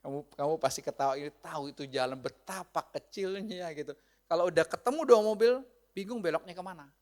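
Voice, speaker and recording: Animated storytelling male pastor. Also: on the high side, a little fast. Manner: animated, chatty, laughs often, addresses the congregation. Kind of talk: storytelling sermon.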